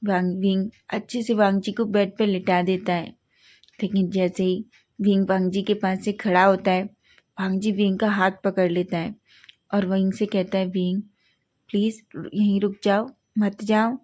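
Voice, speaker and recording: A woman's voice: medium pitch, little pitch movement, normal speed, darkish tone. A woman narrating a fanfiction love story, often stumbling and correcting herself mid-sentence. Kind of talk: storytelling reading.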